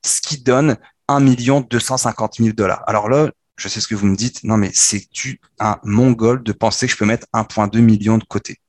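A man in his thirties with a Québécois accent, casually explaining personal finance on a podcast with quick, animated restarts. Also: on the low side, dry recording. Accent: Québécois French.

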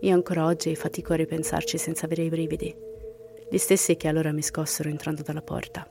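A woman's voice: sits low, little pitch movement, quick pace, mellow, soft background music. A woman hosting a podcast, reading listener horror stories and reacting with laughs, sometimes sinking to a whisper for the eerie parts. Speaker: podcast host.

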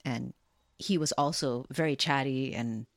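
A woman co-hosting a podcast in casual chat, listening closely and answering in a steady, measured way. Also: extremely low pitch, no echo, studio quality. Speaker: podcast co-host.

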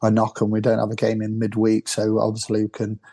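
A man's voice: lowish voice, monotone, fairly quick, warm tone. A man co-hosting a football fan podcast, chatting casually and rambling, with repeated words and easy laughs.

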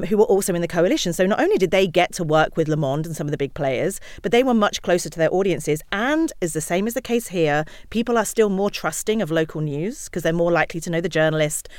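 A woman answers interview questions at a rapid clip and keeps the stories moving. She acts out what other people said as she goes. Her voice is close and dry, with no room sound. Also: fairly low pitch, no echo. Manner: fast, animated storytelling with acted-out quotes. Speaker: guest. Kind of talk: conversational interview.

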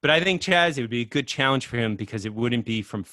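A man's voice: medium pitch, expressive, fast, pushed and bright, no echo, clean studio sound. A man co-hosting a podcast in casual chat, rambling with many fillers and restarts. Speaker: podcast co-host.

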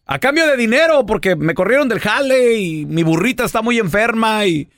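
A man voicing a luckless, whiny guy with a high, pleading voice. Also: animated, moderate pace, fairly bright tone, no echo, clean studio sound.

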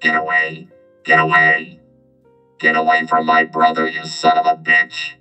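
A man putting on a menacing robot voice through a voice modulator, speaking as a factory robot defending its kin, with a flat mechanical tone. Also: rumbling low, highs cut off, loud music behind the voice, pitched below the performer's own voice. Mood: threatening. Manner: barking slow threats. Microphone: voice modulator at home.

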